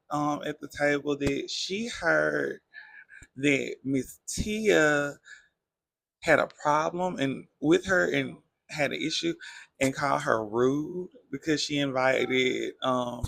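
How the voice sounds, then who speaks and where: A man with a creaky, mid-range voice casually recaps a reality TV episode in a chatty, gossipy way, acting out the cast members' lines as he retells events. There's no room sound in the recording.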